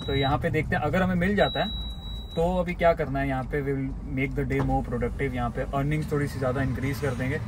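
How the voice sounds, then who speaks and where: A man's voice: mid-range voice, fairly even intonation, brisk. A young man talking casually to a phone camera held at arm's length, moving between a truck depot and a truck cab. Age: young adult. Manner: chatty, mixes Hindi and English. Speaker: vlogger. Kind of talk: casual vlog talk to camera. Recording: noisy outdoor phone recording.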